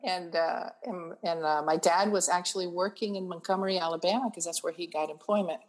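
A woman's voice: lowish voice, fairly even intonation, fairly quick. A retired woman, a grandmother, born in Cuba, chatting casually as a guest and telling her family story with frequent fillers. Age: older. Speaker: guest author. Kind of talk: casual conversation.

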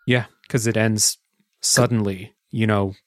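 A man's voice: lowish voice, fairly even intonation, unhurried, no room sound, studio quality. A man hosting a podcast, chatting casually about a video game in a reflective, matter-of-fact way.

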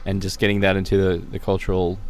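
Deep-voiced man, casual podcast talk. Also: monotone, fast talker. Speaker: podcast co-host. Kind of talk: casual political discussion.

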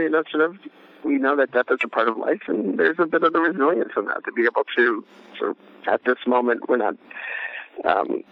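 A man in casual conversation who tells a joke and then reflects on it in a halting way, with many restarts. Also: medium pitch, dry recording. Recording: dry tinny phone-like line.

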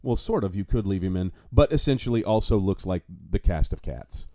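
A man co-hosting a casual podcast, talking in animated bursts with stammering restarts and sarcastic jokes. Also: sits low, a little fast, no room sound, studio quality. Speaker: podcast co-host. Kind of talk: casual chat.

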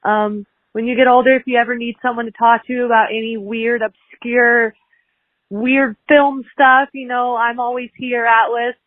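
A woman's voice: on the high side, little pitch movement, moderate pace, dry recording. A woman in her early twenties leaving an earnest, rambling voicemail over the phone. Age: early 20s. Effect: over a phone line, voicemail. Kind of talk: heartfelt voicemail message.

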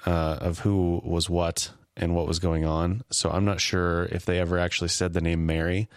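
A man co-hosting a podcast, recapping in a casual, halting, conversational way. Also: low voice, little pitch movement, clean tone, dry recording, clean studio sound. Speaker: podcast co-host. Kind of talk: casual discussion, recapping a TV episode.

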